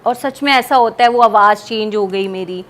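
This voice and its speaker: A young woman telling an interviewer about a personal paranormal experience, animated and vivid, acting out what others said. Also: mid-range voice, moderate pace. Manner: animated, vivid storytelling with quoted dialogue. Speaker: guest.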